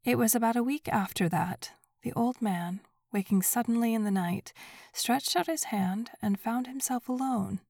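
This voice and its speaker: A woman narrating a story in a soft, breathy whisper, hushed and even. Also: fairly high pitch, moderate pace, dry recording, studio quality.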